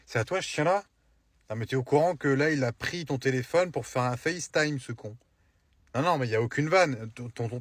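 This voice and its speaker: A man's voice: medium pitch, no room sound, clean studio sound. Mocking, crude comic man. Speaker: comedian. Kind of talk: comic sketch monologue.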